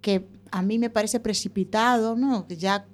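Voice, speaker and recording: A woman's voice: medium pitch, steady tone, moderate pace. A woman co-hosting a casual podcast chat, laying out her points carefully.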